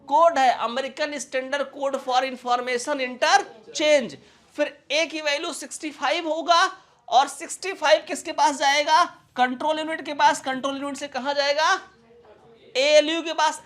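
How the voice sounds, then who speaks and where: A man's voice: very high-pitched, fairly bright tone. A man teaching a computer course, explaining in a playful, folksy way and constantly asking his students whether anything is unclear. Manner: keeps checking for understanding with quick rhetorical questions. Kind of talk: classroom-style video lesson.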